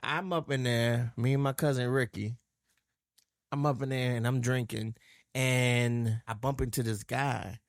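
A man from New Orleans telling animated, profane stories in casual podcast chat. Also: medium pitch, unhurried, no room sound, clean studio sound.

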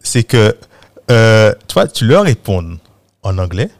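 A man in casual conversation who speaks haltingly and repeats words while searching for his phrasing. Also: fairly low pitch, sing-song, dry recording.

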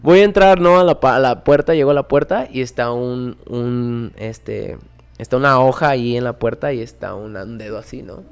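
A man in his twenties with a Mexican accent, a podcast guest telling a story in casual chat, animated, slangy and swearing often. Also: medium pitch, moderate pace, gravelly, smooth. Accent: Mexican Spanish. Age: 20s.

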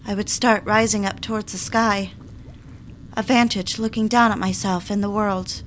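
In a scripted first-person audio drama, a woman plays a troubled character confiding, reflectively, how she slid into madness. Her mid-range voice has fairly even intonation at normal speed and is lightly acted. The audio is poor, with clear background noise and vehicle sounds.

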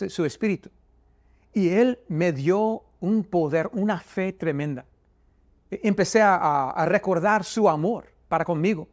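Man with a slightly high voice telling his faith story, halting and self-correcting, lifting in intensity at painful moments. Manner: halting, with frequent repeated words and restarts; voice rises higher and louder when recalling anguish. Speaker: person giving a testimony. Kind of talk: personal religious testimony.

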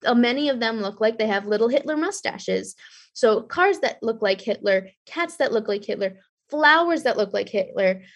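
A woman's voice: a little high, animated, moderate pace. Chatty young woman artist, laughing often. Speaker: artist guest. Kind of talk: conversational interview answers.

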